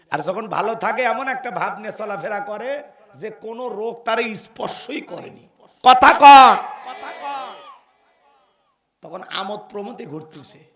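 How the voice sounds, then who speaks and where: Impassioned high-voiced man preaching. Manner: chanting, rising to impassioned shouts, calls for audience responses. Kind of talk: sermon.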